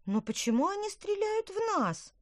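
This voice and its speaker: A woman's voice: fairly high pitch, big pitch swings, normal speed, dry recording, voice pushed up. A woman voicing a frightened, indignant little schoolgirl in a storybook.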